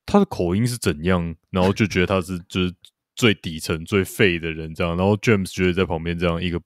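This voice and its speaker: A man's voice: sits low, steady tone, quick pace, no echo, clean studio sound. A man co-hosting a podcast, chatting casually about a TV series with lots of fillers and repeated agreement. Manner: loose, rambling, many fillers and repeated agreement. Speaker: podcast co-host.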